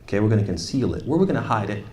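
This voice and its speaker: In an echoey room with faint music behind, a tajweed teacher speaks very fast in a lowish voice. He animatedly demonstrates sounds and puts questions to the class along the way.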